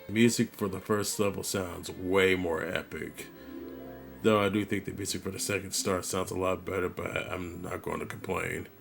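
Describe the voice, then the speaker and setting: Gaming vlogger, male, low gravelly voice, easygoing storyteller. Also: fairly even intonation, moderate pace, over music. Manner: laid-back, conversational storytelling. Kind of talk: storytelling monologue.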